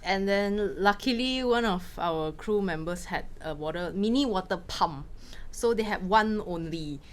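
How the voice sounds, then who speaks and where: A woman from Malaysia, a film director, answering questions in a casual talk with quick anecdotes and frequent laughs. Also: medium pitch. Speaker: film director giving a masterclass.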